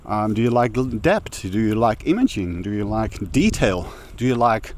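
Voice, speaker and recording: A man's voice: fairly low pitch, big pitch swings, moderate pace, a little mellow, a little hiss or hum. Rambling middle-aged man vlogging outdoors. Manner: rambling, hesitant, with many fillers and restarts. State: slightly out of breath. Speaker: audio YouTuber. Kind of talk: casual vlog talk while walking. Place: outdoors on a hill walk.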